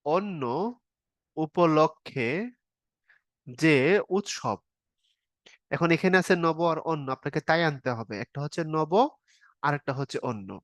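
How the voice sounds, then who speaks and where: In a clean studio recording with no echo, a man with a fairly high voice teaches an online exam-prep grammar lecture. He explains things step by step in an informal spoken style with casual verb forms, asking his students questions.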